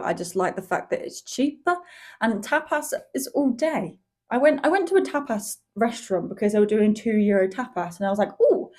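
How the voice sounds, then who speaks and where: Chatty young woman vlogger, mellow voice. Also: medium pitch. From Spain. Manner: chatty and candid, with frequent fillers and swearing. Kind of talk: casual vlog chat.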